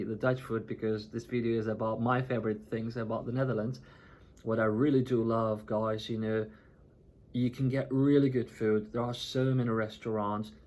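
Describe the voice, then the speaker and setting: A man's voice: medium pitch, a little mellow, a little hiss or hum. A man from Turkey talking casually to the camera as a vlogger, chatty and often checking in with "right?" and "you know".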